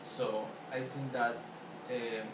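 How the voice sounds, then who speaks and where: A young man with an Ecuadorian accent talks through his answers in an interview, hesitating with fillers and restarting his sentences. He is heard from across an echoey room. Steady background noise sits under his voice. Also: mid-range voice. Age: young adult. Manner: halting, many fillers and restarts. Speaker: student interviewee. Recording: echoey, distant mic, noisy background.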